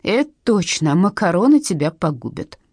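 A woman voicing a bossy, sharp-tongued young woman who scolds and mocks her friend in an audiobook story. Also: fairly high pitch, very animated, moderate pace, breathy edge, no room sound, studio quality, pitched above the performer's own voice. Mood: mocking. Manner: scolding and mocking.

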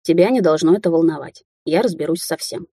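A woman voicing a stubborn young man who speaks quietly and tersely. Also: low-pitched, a little fast, slightly rough. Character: stubborn young Chinese man, calm and hard.

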